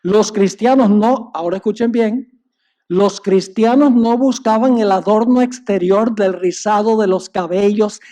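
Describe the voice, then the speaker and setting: A man's voice: high-pitched, mellow. A male pastor preaching a sermon, telling a parable with emphasis and speaking directly to the congregation. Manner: emphatic storytelling, addresses the audience directly.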